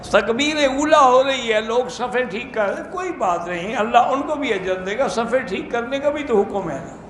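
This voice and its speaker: High-voiced male scholar in an echoey room. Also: expressive, fairly bright tone, slight background noise. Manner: plain-spoken, brisk, matter-of-fact rulings. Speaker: Islamic scholar answering questions. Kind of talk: religious question-and-answer talk.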